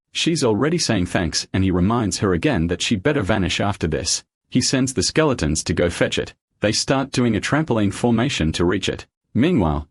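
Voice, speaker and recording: Husky, wry male recap narrator. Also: lowish voice, dry recording. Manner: slangy, wry storytelling. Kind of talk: casual story recap narration.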